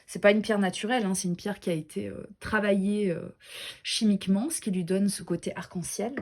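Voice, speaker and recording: A woman's voice: mid-range voice, steady tone, brisk, darkish tone. A woman chatting casually as she shows tarot and oracle decks, gushing and self-deprecating, with many fillers and restarts. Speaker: tarot and oracle deck reviewer. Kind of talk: casual show-and-tell chat.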